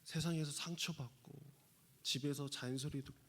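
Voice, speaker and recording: Earnest Korean pastor, rather high voice. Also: male voice, steady tone, normal speed, a bit bright. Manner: conversational storytelling, fillers, rises to earnest emphasis. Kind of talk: sermon.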